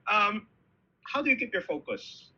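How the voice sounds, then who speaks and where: A man's voice: high-pitched, big pitch swings, a little slow, sharp tone, husky, dull audio. A man with a Filipino accent asking a rambling, hesitant question from the audience, stumbling over words and laughing a little as he speaks.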